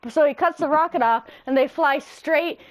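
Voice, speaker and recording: A young woman with a high voice tells a story over voice chat. She rambles and swears freely. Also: moderate pace. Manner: rambling, swearing, laughing through it. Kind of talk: casual voice chat retelling.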